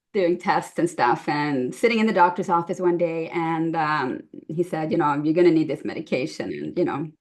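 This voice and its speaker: Chatty Swedish-born woman guest, low pitch. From Sweden. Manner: chatty, laughs often, many fillers. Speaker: guest nutritionist. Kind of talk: casual interview storytelling.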